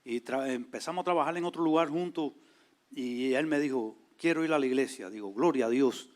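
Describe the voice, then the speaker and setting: A man, telling his testimony in a lively way and acting out the voices of people in his story. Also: mid-range voice, brisk. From Cuba. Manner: animated, acts out quoted voices. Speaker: church servant leader, guest.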